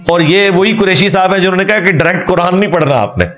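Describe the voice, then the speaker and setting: A man delivers sharp religious commentary in a somewhat high voice, firing rhetorical questions and sarcastic replies. Faint music plays underneath his talk. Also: quick pace. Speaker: religious speaker rebutting a cleric.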